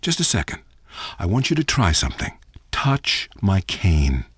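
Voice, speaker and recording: An actor playing a persuasive male cult leader with a preachy sales pitch on a game radio show. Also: huge pitch swings, a little slow, a bit bright, husky, dry recording, clean studio sound, exaggerated voice. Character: smooth-talking male cult leader recruiting members.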